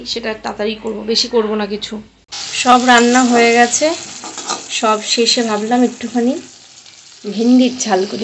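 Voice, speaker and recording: A woman narrates her daily routine as a casual voice-over, speaking quickly in a slightly high voice. She rambles in a chatty way and talks straight to her viewers. A faint hum of household ambience sits behind her. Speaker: mother and home vlogger.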